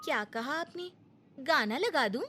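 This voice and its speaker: A cheeky young daughter-in-law from a storybook, played by a woman, her voice fairly high. She answers in an exaggerated, mock-innocent way that is full of teasing. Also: animated, measured pace, noisy background. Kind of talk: Hindi storybook voice acting.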